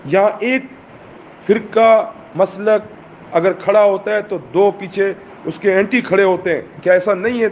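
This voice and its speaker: A man's voice: sits high, fairly even intonation, muffled recording, slight background noise. A man with a Pakistani accent giving a fervent political speech, full of rhetorical questions, recorded while driving. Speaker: movement chairman.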